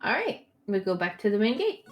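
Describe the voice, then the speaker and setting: A woman's voice: medium pitch, big pitch swings, a little fast. A woman co-streamer chatting casually and practically while playing a game.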